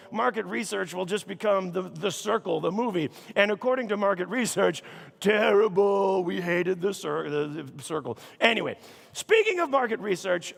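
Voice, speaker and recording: A man from Chicago, giving a comedic keynote speech to a conference audience, with animated, mock-outraged punchlines. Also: on the high side, creaky. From Chicago, United States. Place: large conference hall. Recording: long hall reverb.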